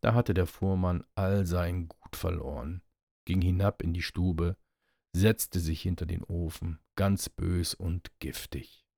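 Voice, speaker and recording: A man reading a fairy tale aloud in a steady storytelling manner. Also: sits low, takes it slowly, creaky, no echo. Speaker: narrator.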